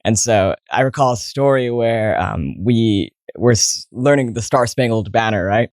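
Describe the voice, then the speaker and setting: His voice sits in the middle range with a somewhat dark tone, and he takes his time. The speaker is a young American-accented man in his twenties, born in Saudi Arabia and partly brought up in New Jersey, recounting stories in a relaxed interview full of fillers and restarts. The studio-quality recording is dry.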